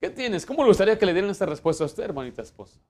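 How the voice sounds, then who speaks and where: A man delivers a church sermon with a voice that sits a little high. He hammers his points emphatically, then sinks into hushed asides, often restarting his sentences as he goes. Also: big pitch swings, rapid-fire. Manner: emphatic preaching, rising for Bible quotes and dropping to hushed asides; fillers and restarts. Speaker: pastor.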